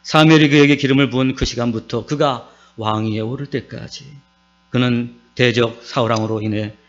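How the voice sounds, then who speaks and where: A man's voice: medium pitch, moderate pace. A man with a Gyeongsang accent, a pastor preaching a sermon in a church and calling out to his congregation. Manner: lively preaching with calls to the congregation. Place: church sanctuary. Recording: dull recording with mains hum.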